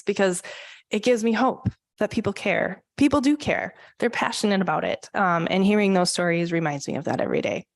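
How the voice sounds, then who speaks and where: At a church forum in a church meeting room, a woman with a lower voice presents a talk on conservation. She speaks earnestly but uses frequent "um" fillers, and the audio has no echo.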